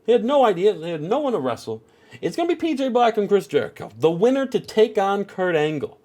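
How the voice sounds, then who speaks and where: Talking fast in a high, darkish voice with big pitch swings, a congested man gives loose, rambling wrestling-game commentary. He leans constantly on filler phrases, especially "you know" and "at the end of the day."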